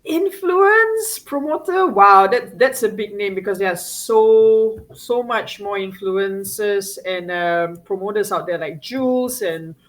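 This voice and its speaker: A woman's voice: mid-range voice, lively intonation, slow pace, few pauses, rough recording. A woman from Singapore, a guest chatting casually in an interview, with many fillers, restarts and laughs.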